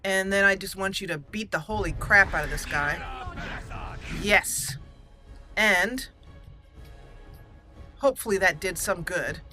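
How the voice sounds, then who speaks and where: With music playing behind her, a gaming channel host gives casual let's play commentary in a bright, clear-edged, mid-range voice. She paces herself unhurriedly, thinking aloud and speaking to the characters as she plays.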